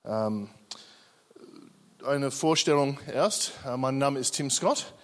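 During a church service, a middle-aged Australian man, a native English speaker, offers a hesitant personal testimony packed with fillers and self-corrections. His mid-range voice is expressive and slow, with a big-room sound.

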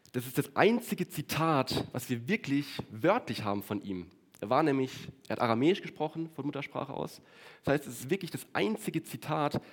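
A man preaching a sermon to his congregation, earnest, stretching key words slowly and dropping to a quiet voice on solemn lines. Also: medium pitch. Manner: addresses the congregation directly.

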